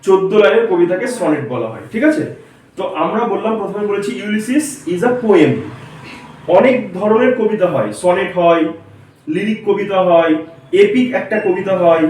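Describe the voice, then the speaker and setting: A male teacher lectures a class, explaining each point slowly and stopping to quiz his students. His voice sits high and carries a heavy room echo. He sounds some distance from the microphone. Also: lively intonation, a little mellow, slight background noise. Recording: echoey room, mic far off.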